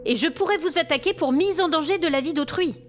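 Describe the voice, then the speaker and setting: A woman with a high voice plays an indignant, exasperated hotel guest grumbling about ghosts in a monologue of acted audio fiction. She speaks fairly quickly, with only light acting. Her tone is haughty, aggrieved and demanding, and the mood is indignant.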